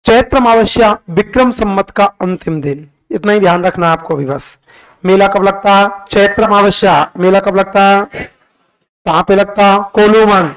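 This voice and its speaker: Male teacher, high clear voice, brisk call-and-response quizzing. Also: poor audio. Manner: brisk, quizzing students with rapid repeated questions. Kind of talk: classroom lecture with call-and-response drilling.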